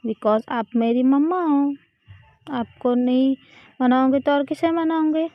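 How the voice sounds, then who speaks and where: A playful young woman, played by a woman narrator coaxing and pleading in a high, sweet voice. The sound is dry and close, slightly muffled. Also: slow pace, no echo. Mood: wheedling. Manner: wheedling, pleading, sweet-talking.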